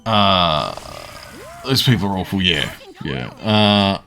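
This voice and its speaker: A man with a fairly low voice chats casually on a live game stream, stopping often to gather his thoughts as he answers his viewers. Faint game music plays softly behind him. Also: expressive. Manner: responds to chat messages, pausing often to think. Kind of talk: casual live-stream chat while gaming.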